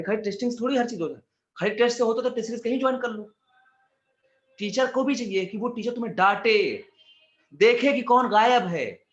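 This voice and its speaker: In an echoey room with slightly dull audio, a man teaches an exam-prep class in a high-pitched, fairly bright voice. He chats casually, calls students "beta," and mixes in jokes and asides.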